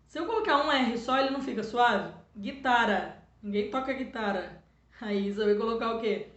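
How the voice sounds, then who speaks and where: A middle-aged woman teacher with a Brazilian Portuguese accent and a fairly high voice patiently explains a spelling lesson to children, sounding out words slowly. The room echoes, and the sound is dull and lo-fi.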